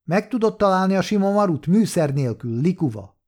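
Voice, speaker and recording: A man voicing a sharp-tongued ruthless gunman. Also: high voice, very animated, voice pushed up. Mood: cold, threatening. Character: ruthless armed gold-hunter, sharp and cold. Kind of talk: audiobook reading.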